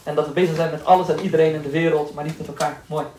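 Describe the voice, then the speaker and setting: A man giving a lively lecture to a class, quick and joking, acting out the people in his stories. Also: on the high side. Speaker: Islamic lecturer. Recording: echoey room, voice from a distance, faint noise.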